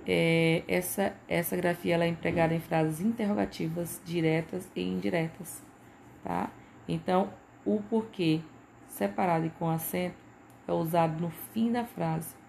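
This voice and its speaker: Brazilian woman teacher, low and gravelly, patient, repeats herself, faint hiss behind. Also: steady tone, normal speed, darkish tone. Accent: Brazilian Portuguese. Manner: patient, repeats points with frequent "né" and "tá". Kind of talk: recorded online lesson.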